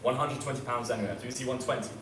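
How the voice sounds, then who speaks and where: In an indoor auction room, this auctioneer rattles off live bids very fast, repeating prices and increments in a chant. His voice is mid-range and fairly bright, captured by a distant mic in an echoey space with background noise.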